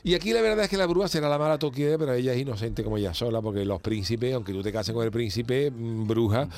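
A man retelling a film as a rapid, joking comic story. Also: mid-range voice, a little mellow. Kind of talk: comic storytelling with local jokes.

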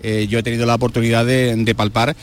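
In this live on-location sports report, a man speaks quickly and flatly in a mid-range voice. He's on the radio from an outdoor square crowded with fans, talking chattily with many filler sounds and restarts.

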